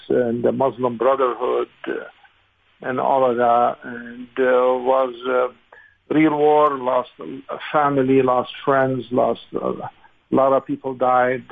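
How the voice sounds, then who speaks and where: Heard through a thin, tinny phone connection, an older man with a Lebanese accent, in his sixties, is an interview guest running for Congress. He reminisces conversationally in a gravelly, creaky, mid-pitched voice, frequently pausing to find his words.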